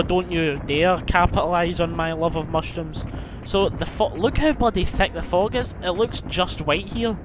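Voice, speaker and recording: A young man rambling and swearing as he commentates on his game playthrough. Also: fairly high pitch. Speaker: let's play host. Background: game music.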